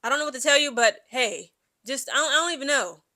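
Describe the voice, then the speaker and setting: A woman's voice: high-pitched, lively intonation, quick pace, sharp tone. A woman vlogger giving blunt, emphatic opinion commentary, stretching out and repeating words for emphasis.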